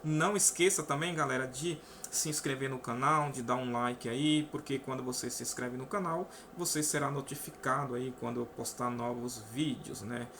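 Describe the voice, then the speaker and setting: A Brazilian man leads a casual online math lesson, going through each step and regularly adding "né?". His medium-pitched, fairly bright voice has a Brazilian Portuguese accent, fairly even intonation, a moderate pace, and few pauses, with a little hiss or hum behind it.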